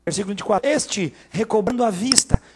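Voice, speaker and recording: A man's voice: high-pitched, fast talker, noisy background. A man from Brazil, a pastor preaching a sermon in church, telling stories dramatically and acting out the dialogue.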